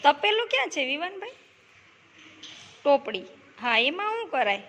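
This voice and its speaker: A high-pitched woman leads a village preschool class. She coaxes the children with repeated questions and praises each answer. The recording carries plenty of classroom noise. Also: very animated, normal speed, a bit bright. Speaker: preschool teacher.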